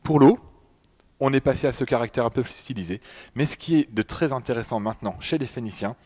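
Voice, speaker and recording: A man's voice: mid-range voice, a little fast, a little mellow. A man with a French accent giving a public lecture with slides, talking to the audience with many fillers and restarts. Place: public hall in front of an audience.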